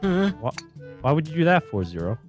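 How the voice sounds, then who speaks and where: An excitable man chatting casually as he plays a game with friends. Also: on the high side, moderate pace, soft background music. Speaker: gamer in a group. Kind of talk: casual gaming banter.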